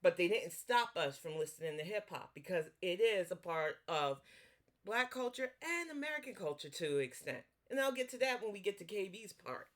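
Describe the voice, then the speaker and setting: A woman with a New York accent delivers heated reaction commentary, blunt and swearing freely. Her pitch swings up and down a lot as she scolds. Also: sing-song, normal speed. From Northeast US. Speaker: commentary YouTuber.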